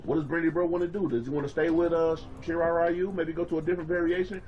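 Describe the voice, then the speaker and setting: Excitable high-pitched man calling a match. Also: racing, highs cut off. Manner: excitable, slangy, exclaiming. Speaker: esports tournament commentator. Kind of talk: excited live fighting game commentary. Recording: loud game music behind voice. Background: loud game music.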